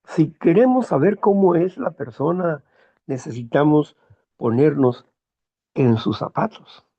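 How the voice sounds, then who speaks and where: A man hosting a morning talk program, speaking in a slow, measured, moralizing monologue with personal anecdotes. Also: a little high, breathy edge, highs cut off. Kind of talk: reflective monologue.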